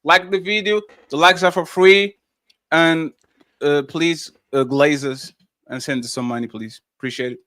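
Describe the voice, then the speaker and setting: A man's voice: a little high, fairly even intonation, normal speed, bright, forceful tone, no echo, clean studio sound. A man from Russia hosting a livestream panel, blunt and profane, repeating himself when cut off. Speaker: host.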